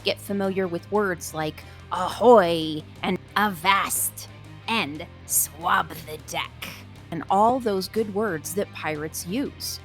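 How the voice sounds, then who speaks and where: A woman's voice: mid-range voice, takes it slowly, few pauses, soft background music. A woman hosting a daily calendar show, explaining the day in an upbeat way. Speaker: host. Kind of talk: cheerful daily calendar presentation.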